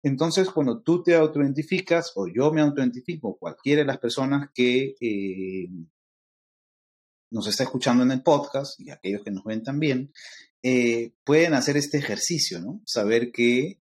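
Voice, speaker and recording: Speaking with a Peruvian accent, a middle-aged man from Lima lectures a podcast host on interculturality as the guest expert, often dropping fillers such as "este". His voice is medium-pitched and a little mellow, moving at a moderate pace.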